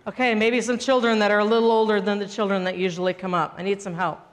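A woman leading a children's message in a church sanctuary, gently asking the children questions. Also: medium pitch, level tone, fast. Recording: long church reverb.

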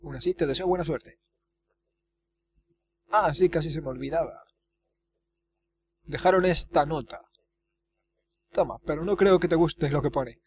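A man's voice: a little high, a little slow, pauses often, a little hiss or hum, natural voice. A man doing a gloomy old lookout. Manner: resigned, doom-laden.

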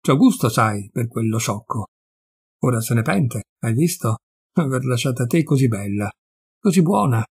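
A man's voice: medium pitch, expressive, normal speed, creaky, breathy edge, no echo. A man reading a bored, mocking young husband in an audiobook of a classic story, in a teasing, condescending way. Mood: coaxing.

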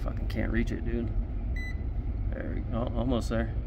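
A man's voice: mid-range voice, monotone, moderate pace, gravelly, dull audio, heavy background noise. A man working as a refrigeration technician, explaining each step plainly as he works and swearing often, recorded on a head-mounted camera on a rooftop at night and in equipment rooms. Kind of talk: casual work narration.

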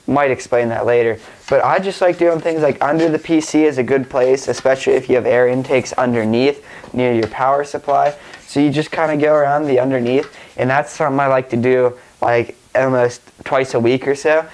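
A man's voice: medium pitch, low-quality recording. A young man with a stuffy nose from a cold, rambling casually through a tech vlog with lots of fillers and restarts. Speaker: tech vlogger.

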